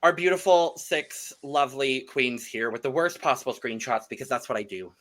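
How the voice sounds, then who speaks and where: A man hosting a casual recap podcast, chatty and quick to laugh. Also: medium pitch, fairly bright tone. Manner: laughs often, loose and chatty. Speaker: podcast host. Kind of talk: casual chat.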